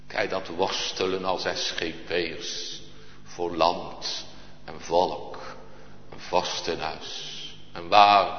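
A man preaching a sermon in solemn, archaic churchly phrasing, rising at times to impassioned cries. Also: sits low. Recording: lo-fi, echoey church hall recording.

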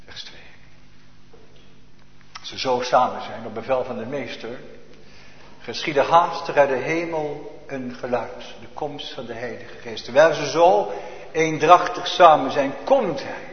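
A man preaching a sermon to his congregation, shifting from hushed to emphatic and full of rhetorical questions. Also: a little high. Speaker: pastor. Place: church. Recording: echoey church, lo-fi reverberant recording.

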